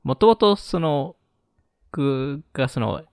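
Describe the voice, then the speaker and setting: A man's voice: mid-range voice, animated, slow pace, no echo, studio quality. A man who is stronger in English than Japanese, chatting as a podcast co-host in very polite, formal phrasing with a hesitant delivery. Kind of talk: casual chat in polite Japanese.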